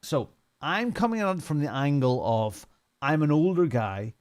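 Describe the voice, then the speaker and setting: With a fairly high pitch and big pitch swings, this fifty-something sim racing streamer and community head from Northern Ireland talks at a moderate pace. He casually shares off-the-cuff first impressions of a racing game in an informal, chatty style.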